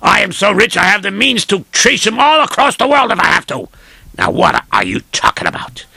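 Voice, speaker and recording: A man's voice: high voice, very animated, slow, vocal fry, bright, forceful tone, slightly rough, no room sound, full character voice. A man voicing a rich, arrogant, hot-tempered lord who barks orders at his servant and guards. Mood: furious. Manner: bossy, barking orders. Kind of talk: amateur audio storytelling.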